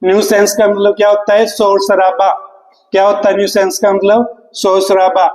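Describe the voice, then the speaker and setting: A man's voice: high voice, completely flat delivery, moderate pace, darkish tone, reverberant, long reverb tail, poor audio. A man teaching English spelling to exam students, spelling words out letter by letter and asking the class questions he then answers himself. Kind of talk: exam prep lecture.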